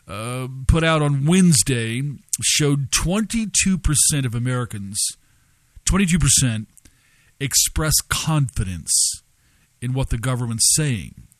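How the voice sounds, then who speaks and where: A man preaching and reading news aloud, telling a story with many pauses and fillers and stressing key words. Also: medium pitch, dry recording.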